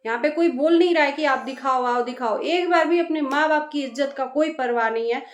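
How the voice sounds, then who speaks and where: Woman vlogger, high voice, roomy echo, lecturing and exasperated. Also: a little fast. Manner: scolding, exasperated, repeats phrases for emphasis. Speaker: YouTube reaction vlogger. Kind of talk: lecturing reaction monologue.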